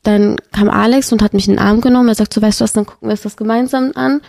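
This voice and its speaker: A woman's voice: mid-range voice, fast talker, creaky. A young adult woman, a podcast guest, telling a painful personal story with feeling in a casual chat. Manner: emotional, animated storytelling.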